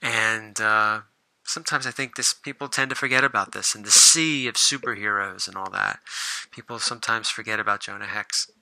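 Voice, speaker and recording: A man's voice: on the low side, moderate pace, creaky, pushed and bright, no echo, low-quality recording. A man hosting a casual show-and-tell video about comic books, rambling, with lots of fillers and restarts. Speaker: comic book collector and channel host.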